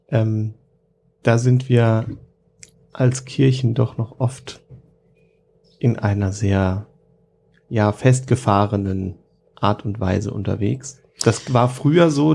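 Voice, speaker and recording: A man's voice: medium pitch, vocal fry, warm tone. A man interviewing a guest in an agreeable, reflective way, often affirming. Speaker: interviewer, church worker. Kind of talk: conversational interview.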